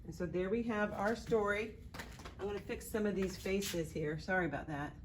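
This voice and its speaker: Gentle woman teaching young children. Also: mid-range voice, a little hiss or hum. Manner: gentle, slow, questioning while drawing. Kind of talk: online lesson for young children.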